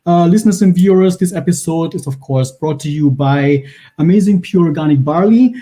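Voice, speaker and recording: Mellow-voiced hesitant male host. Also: fairly high pitch, fairly quick. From Philippines. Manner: hesitant, fills with uh. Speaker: podcast host. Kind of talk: casual livestream chat.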